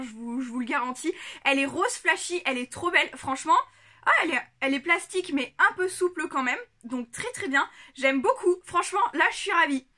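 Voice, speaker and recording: A woman vlogger chatting casually to a camera on a tripod, giggling often and filling pauses with lots of hesitations. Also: high voice, bright, forceful tone. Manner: chatty, giggly, many fillers. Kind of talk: casual unboxing chat.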